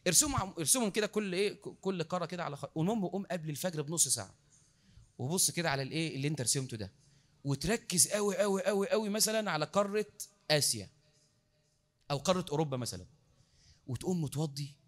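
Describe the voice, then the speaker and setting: Egyptian male preacher, mosque lecture; quick, high-pitched, engages the crowd with questions. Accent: Egyptian Arabic. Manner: lively, repeats words for emphasis, asks the crowd questions.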